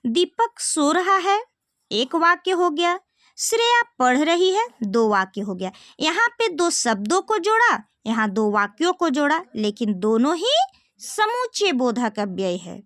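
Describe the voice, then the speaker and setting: A woman's voice: sits high, big pitch swings, a little slow, fairly bright tone, dry recording, clean studio sound. A young woman teaching Hindi grammar in a video lesson, explaining step by step and asking rhetorical questions of her students. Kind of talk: classroom-style video lesson.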